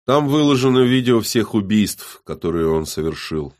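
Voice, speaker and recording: Man voicing a firm police captain, dry and matter-of-fact, low-pitched. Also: big pitch swings, moderate pace, a little mellow. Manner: dry and businesslike.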